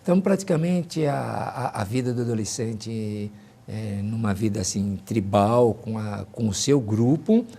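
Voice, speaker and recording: A man hosting an interview in a mellow, mid-pitched voice. He speaks thoughtfully, pausing and restarting as he searches for words. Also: expressive, creaky. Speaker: host. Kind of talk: interview conversation.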